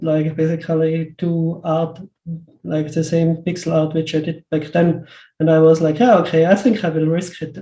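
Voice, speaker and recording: The speaker is a man from Western Austria, a pixel artist appearing as an interview guest, with a fairly high-pitched but dark-toned voice and an Austrian accent. He talks casually and hesitantly, repeating words and dropping many "like" asides, in a roomy, echoey recording.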